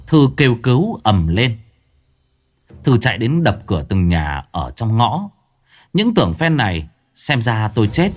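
A man's voice: mid-range voice, slightly rough. A man narrating a ghost story aloud in a dramatic storytelling manner.

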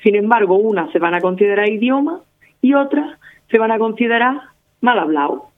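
This Andalusian-accented guest runs a language-teaching project and makes her case on casual radio, hammering it home with example after example. She speaks fairly quickly in an expressive, high-leaning voice over a narrow, phone-like line.

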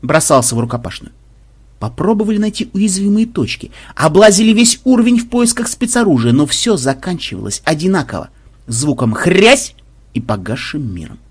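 A man reads an adventure story aloud with lively, ironic delivery. His husky voice sits a little high and swings widely in pitch. He tells it with dry humor. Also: fairly quick. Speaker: narrator. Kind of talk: expressive audiobook reading.

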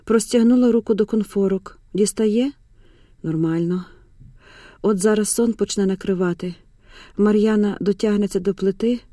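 A woman narrating an audiobook in a hushed, measured storytelling voice, recorded on a close studio mic. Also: medium pitch, dry recording.

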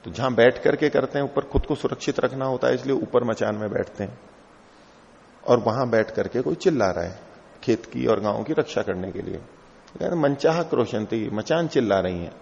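A man's voice: medium pitch, animated, normal speed, gravelly, darkish tone, a little hiss or hum. Man lecturing in a reverberant hall. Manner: patient, repeats and unpacks each term. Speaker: teacher of philosophy. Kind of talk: explanatory lecture on a classical text. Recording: lo-fi hall recording with long reverb.

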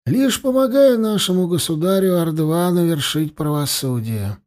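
A man's voice: a little high, lively intonation, moderate pace, darkish tone, voice pushed up, lightly acted. A man voicing a stern, cold, self-righteous male priest who acts as torturer. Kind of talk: audiobook character voice.

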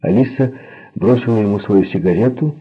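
A man narrating an audiobook thriller with a husky, gravelly voice. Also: on the low side, a little fast. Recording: narrow phone-like sound.

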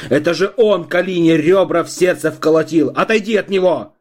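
A man's voice: fairly high pitch, normal speed, a little mellow, pitched above the performer's own voice, lightly acted. A man voicing an enraged, brutal middle-aged police chief who snarls and barks orders. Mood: shouting.

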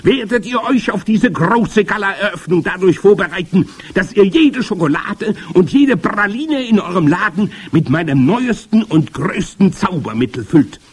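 A shrieking, triumphant old witch queen, as a man puts her on for a storybook, gloating over every word. She spits out grand proclamations very high and loud, her voice swooping wildly. There is a husky edge to the tone. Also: animated, moderate pace, few pauses. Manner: shrill, gloating, theatrical proclamations. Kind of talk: audiobook character voice.

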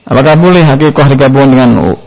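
Gravelly man giving an Islamic Q&A lecture. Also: medium pitch, a little mellow. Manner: unhurried, with frequent "nah" fillers. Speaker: Islamic teacher answering questions. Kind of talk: religious Q&A lecture. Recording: dull lo-fi lecture recording.

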